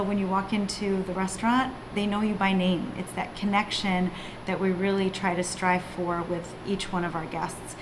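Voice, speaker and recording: A woman answers interview questions earnestly in a mid-range voice, filling her pauses with "um." A clear layer of background noise sits under her speech. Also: medium pitch. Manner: earnest, uses "um" fillers. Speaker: family member in the company.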